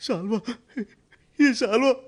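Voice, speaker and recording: Sobbing guilty son in a radio drama, a man doing it, really high pitched voice. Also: a little slow, slight background noise. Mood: grief-stricken. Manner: emotional, sobbing outbursts. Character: remorseful adult son, grief-stricken and frantic.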